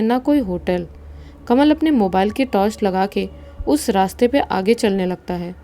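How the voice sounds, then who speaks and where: Give me a woman with a dark, mellow tone, narrating a horror tale in a steady, suspenseful way. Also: medium pitch, slight background noise.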